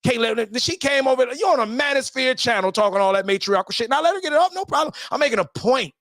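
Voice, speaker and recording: A man's voice: very high-pitched, animated, fast, a bit bright, no room sound, clean studio sound. A man hosting his own channel, ranting heatedly with lots of profanity, repeating himself and stumbling over restarts. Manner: profane, repetitive, stammering restarts. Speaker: channel host. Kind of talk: heated livestream rant.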